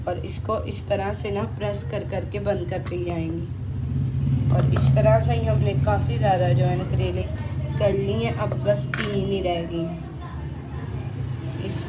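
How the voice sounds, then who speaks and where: A woman with a hoarse throat hosting a home cooking video, chatting casually as her mother cooks, often repeating the same filler phrase. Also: mid-range voice, very noisy. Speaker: cooking channel host. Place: home kitchen. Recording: kitchen clatter of dishes and cutlery.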